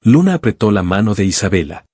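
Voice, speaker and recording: A man narrates a scripted story in an even, measured reading. His voice sits low with a husky texture. The recording is dry and close, with no room sound. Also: no room sound.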